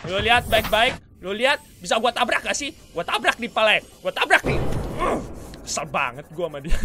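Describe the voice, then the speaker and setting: A man doing excitable, trash-talking let's play commentary, mixing in English swears. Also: sits high, moderate pace, noisy background. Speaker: gaming YouTuber.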